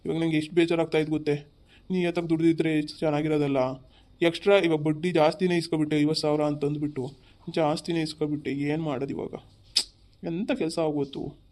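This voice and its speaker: A man's voice: fairly high pitch, little pitch movement, fast talker, a little mellow, natural voice. A man, playing a frustrated husband who scolds his wife after losing his savings in a village family drama. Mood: upset. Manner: scolding, exasperated. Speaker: actor.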